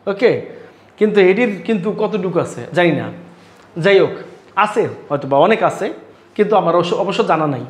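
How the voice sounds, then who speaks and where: High-voiced, teasing male grammar teacher. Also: expressive, normal speed, long pauses, echoey room. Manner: teasing, scolding students in colloquial speech. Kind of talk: classroom grammar lesson.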